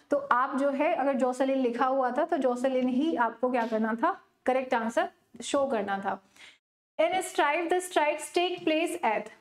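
A woman with an Indian accent teaching an online exam-prep literature class, chatty and scolding, slowing down to read questions aloud. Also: high voice, echoey room. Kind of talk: live exam-prep class, mixing Hindi and English.

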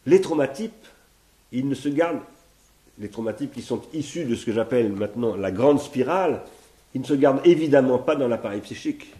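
In an echoey living room, a fixed camera at medium distance records a man in his sixties from France leading a spoken philosophy seminar partly read from notes. His warm, medium-pitched voice is expressive and fairly quick, and his searching reasoning involves frequent restarts and repeated words.

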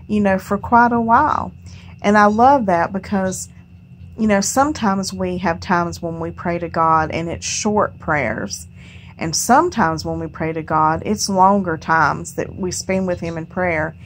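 Slow, folksy woman reading scripture. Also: on the low side, a little hiss or hum. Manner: folksy, unhurried, reads scripture aloud then muses on it with "you know". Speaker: home Bible study host. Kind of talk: casual Bible reading and reflection. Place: at home.

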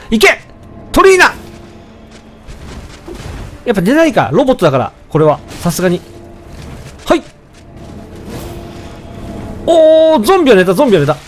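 A young man casually commenting on his own gameplay, chatting to himself with sudden excited outbursts. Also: high voice. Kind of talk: casual let's-play commentary.

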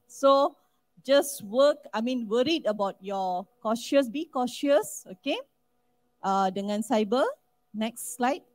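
A Malaysian woman giving an animated anti-scam talk at an event, switching between Malay and English. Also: fairly high pitch, slow pace, rough recording. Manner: animated, code-switching, acts out scammer voices. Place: event hall.

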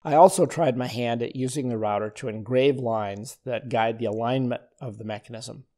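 An older man giving a calm, methodical voice-over as he explains a woodworking demonstration. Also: mid-range voice, normal speed. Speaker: woodworking instructor. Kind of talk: scripted voice-over narration.

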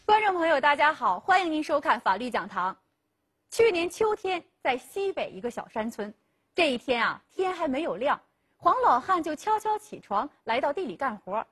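A woman host narrates a rural tale in a bright, high voice that leaps up and down expressively. She lingers on pauses and slips into the characters' voices as she goes. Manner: lively storytelling, acting out dialogue with drawn-out 啊 pauses. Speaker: host and storyteller of a legal program. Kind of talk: dramatic storytelling lecture.

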